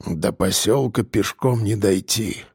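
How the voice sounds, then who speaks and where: A man voicing a proud, terse old taiga hunter who speaks hoarsely and slowly. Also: fairly low pitch, darkish tone, no echo, studio quality, voice pushed down, exaggerated voice. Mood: stern. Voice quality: hoarse, muffled. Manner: slow, few words, stern.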